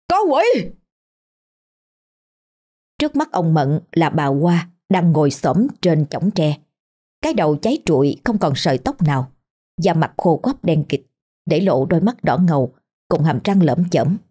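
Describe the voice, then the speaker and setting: A woman narrating a horror story in a slow, hushed, ominous manner. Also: sits low, expressive, slightly rough. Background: faint music.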